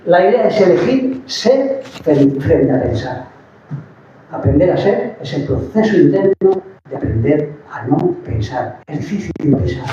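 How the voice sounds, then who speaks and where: A man with a mellow, dark voice talks slowly and calmly about letting go of thoughts. He sounds far from the mic in a very echoey room, and the sound is dull with a faint hiss. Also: a little high. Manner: calm, measured, pausing. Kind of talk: reflective talk on mindfulness. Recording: distant, roomy and dull with faint noise.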